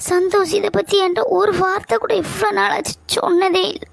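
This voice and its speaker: A woman's voice: very high voice, steady tone, a little fast, creaky, no echo. A woman playing a tearful, heartbroken sister. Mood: hurt. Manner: tearful, hurt, insistent refusals. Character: hurt, tearful young woman betrayed in love. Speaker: younger sister figure. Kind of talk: amateur family skit acting.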